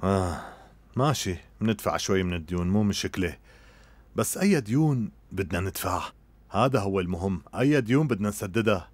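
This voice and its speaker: Low groaning older man. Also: lively intonation, fairly quick, no echo. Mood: exasperated. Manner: groaning, exasperated. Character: worried older man in debt. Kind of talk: dubbed TV drama.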